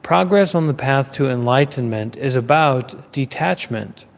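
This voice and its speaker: A man giving a live Dhamma talk as a Buddhist teacher. He speaks in a measured way, repeating phrases in lists with pauses. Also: medium pitch, animated, creaky, in a large hall.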